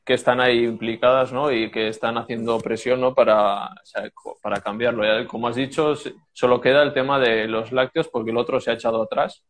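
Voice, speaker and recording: A man hosting a podcast interview, relaxed, with short replies and follow-up questions. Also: medium pitch, a little fast, few pauses. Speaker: podcast host. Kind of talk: casual interview.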